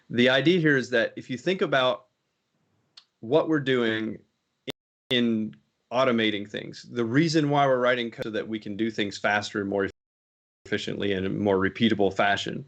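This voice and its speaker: Rambling male tech show host. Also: mid-range voice. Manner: rambling, self-correcting, laughs easily. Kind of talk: casual tech chat.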